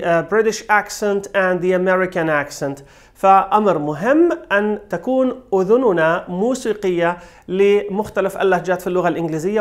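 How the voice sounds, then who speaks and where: High-voiced male language teacher. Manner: clear, explanatory teaching delivery. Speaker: English teacher. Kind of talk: online language lesson.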